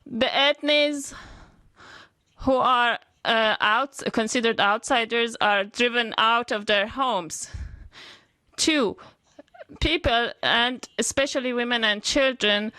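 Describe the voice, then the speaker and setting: A woman addresses a parliament panel over a video link, speaking slowly and earnestly with many pauses and fillers. Her voice sits a little high and sounds bright. The sound is dry and close. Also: clear, resonant tone, no echo. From Afghanistan. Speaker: women's rights activist speaker. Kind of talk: formal prepared speech to a parliament panel. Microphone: remote video call connection.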